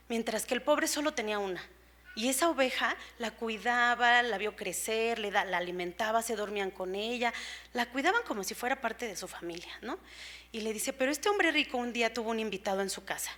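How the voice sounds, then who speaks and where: A woman preacher speaks as a calm ancient prophet, telling a story in an easy, step-by-step manner. The voice is a little high. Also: brisk. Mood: measured.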